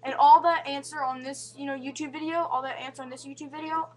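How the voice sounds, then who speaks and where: High-pitched young woman rambling on webcam. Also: fairly even intonation, quick pace. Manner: rambling, earnest, with many restarts and fillers. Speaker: vlogger. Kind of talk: casual webcam monologue. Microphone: webcam mic.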